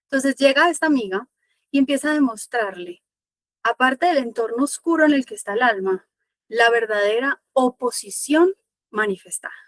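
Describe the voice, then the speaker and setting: A woman spiritual teacher telling a parable in an online masterclass, slow and reflective, repeating phrases for emphasis. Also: sits high, expressive, no room sound.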